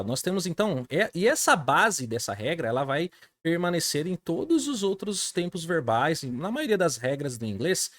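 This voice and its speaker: A Brazilian man teaching an English class online, with an animated, swooping voice. He talks informally to his students and keeps checking that they follow. The sound is dry and close, with no room echo. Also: fairly high pitch. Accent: Brazilian Portuguese. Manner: informal, checks in often with tag questions. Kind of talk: live online class lecture.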